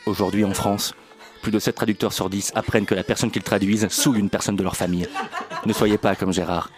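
A man reading an absurd mock public service announcement in a flat, serious announcer's tone on student radio. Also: fairly low pitch, a little fast, over music. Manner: deadpan mock-announcer delivery. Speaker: radio co-host.

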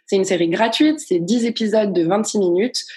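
Woman, interviewer, video call, precise and informative, average pitch. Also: fairly quick, dark tone.

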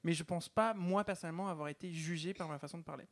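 A man's voice: on the high side, fast. A young man, speaking as a panellist in a casual round-table discussion.

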